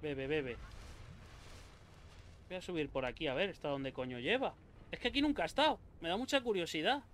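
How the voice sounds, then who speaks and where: A man from Spain with a Spanish accent, narrating his game as he plays, quick to swear and talk to his viewers. His voice sits high for a man. A faint background hum runs under it. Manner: excitable, swears a lot, talks to himself and viewers. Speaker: gaming YouTuber. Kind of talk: live gameplay commentary.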